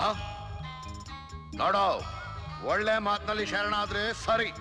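A man's voice: high-pitched, level tone, measured pace, music in the background. An actor playing a flustered police superintendent negotiating with a gunman. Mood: harried. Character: flustered police superintendent, male, middle-aged.

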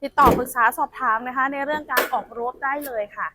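Young saleswoman, slightly high voice, chatty and familiar, outdoor car-lot walkaround. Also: quick pace, background noise. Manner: chatty, addresses viewers as elder sibling.

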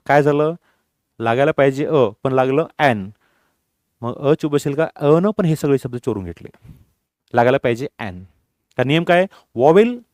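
A man's voice: mid-range voice, darkish tone, no room sound, studio quality. A man teaching English grammar, drilling his students with repeated questions and answers and mixing English phrases into his explanations. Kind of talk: classroom grammar lesson.

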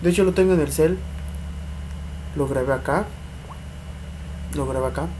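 A young man with a Mexican accent chats through a late-night paranormal vlog in a slightly high voice. He rambles, repeats himself and mimics knocking as he tells it. Faint background noise hums behind him. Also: normal speed. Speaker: paranormal vlogger. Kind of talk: casual night-time storytelling vlog. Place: home at night, neighbours' party noise outside.

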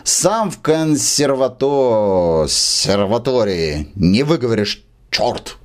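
A man voicing a tearful, rambling drunk male musician who lodges in a rented room, with slow, slurred, sentimental speech. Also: medium pitch, sing-song. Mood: maudlin.

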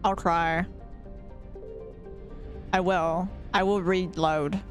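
A young woman gives casual commentary while she plays a game she has never played before. She talks slowly in a slightly low voice, sounds jumpy and nervous, and keeps repeating herself between giggles. Faint game music plays behind her. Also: fairly even intonation. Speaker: gaming streamer. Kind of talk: casual let's-play reaction commentary.

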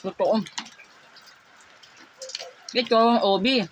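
A woman's voice: mid-range voice, drawn-out words, a little hiss or hum. A Filipino woman chatting casually as a vlogger, speaking with missing front teeth. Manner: talks while chewing and tasting. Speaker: vlogger hosting a mukbang. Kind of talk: casual vlog chat.

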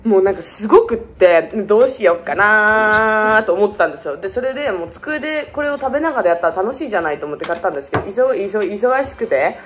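A young woman with a chats quickly through a shopping haul and jumps between playful tangents and jokes at her own expense. Her pitch swings up and down a lot as she talks. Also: expressive, slight background noise. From Fukuoka, Japan. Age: 20s. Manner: joking, self-mocking, playful tangents. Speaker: beauty vlogger. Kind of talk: casual shopping haul vlog.

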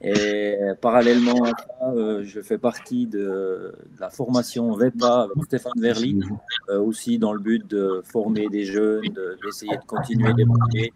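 A man's voice: lowish voice, steady tone, unhurried, crowd noise. A man, a farrier and trainer, introducing himself earnestly on a video call.

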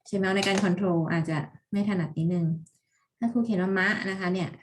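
A woman's voice: medium pitch, fast talker, slight background noise. A woman teaching a primary school class in a casual recorded lesson from home, talking informally with self-correcting asides. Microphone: computer recording with screen and mouse.

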